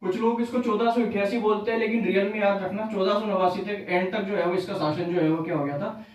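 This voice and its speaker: High-voiced male teacher in an echoey room. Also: fairly even intonation, brisk, far from the mic. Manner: repeats key facts as questions and answers them; mixes English terms into Hindi. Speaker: history teacher. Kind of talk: exam-prep history lesson.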